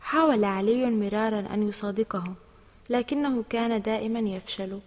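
A woman narrating a children's storybook in an expressive, steady reading voice. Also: medium pitch, a little fast, big-room sound.

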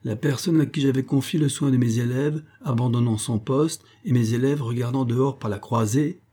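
A man's voice: mid-range voice, moderate pace, warm tone, voice pushed up, natural voice. A man doing a pompous, impatient schoolmaster. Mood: indignant. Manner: imperious, impatient questioning. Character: stern, pompous middle-aged male schoolmaster, easily angered.

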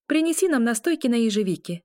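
A mocking, charming witch who barks orders and teases her guest, as a woman puts her on. Her voice sits high above the reader's own tone. It comes across dry and close, like a storybook narration. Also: sing-song, quick pace, darkish tone, dry recording. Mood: teasing. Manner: teasing, commanding.

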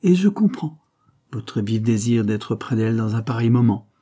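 A man's voice: medium pitch, animated, moderate pace, dark tone, lightly acted. A man reading an audiobook, voicing a scornful, domineering creole woman who talks in a cold, mocking tone. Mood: commanding. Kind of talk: audiobook character voice.

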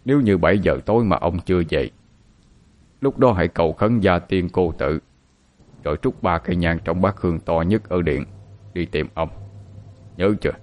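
A man voicing an elderly sorcerer master who speaks sternly and gravely. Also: low voice, moderate pace, pauses often, a little mellow, lightly acted. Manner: stern, lecturing.

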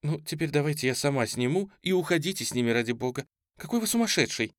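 A man's voice: expressive, fast, dry recording, studio quality, close to an everyday voice. A man reading an audiobook, voicing a proud young genteel woman who pleads and cries out in indignation. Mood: refusing. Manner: pleading then shrill and indignant.

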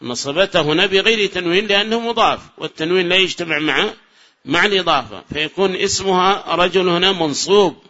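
Bright-voiced male teacher quizzing his class. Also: high-pitched. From Yemen. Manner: repeats key phrases and draws out example sentences slowly; quizzes students with short questions. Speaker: teacher of Arabic grammar. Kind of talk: classroom grammar lesson. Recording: dull lo-fi lecture recording.

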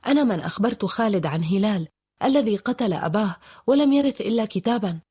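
A woman's voice: mid-range voice, lively intonation, fast talker, mellow, breathy edge. A woman voicing a cool, matter-of-fact young woman in a storybook reading. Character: cool, guarded young woman from the poor north.

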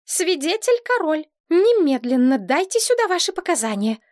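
Storybook princess, small and bossy, read by a woman; high, dry. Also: big pitch swings, unhurried, no room sound. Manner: commanding and indignant. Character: bossy young princess girl, quick-tempered.

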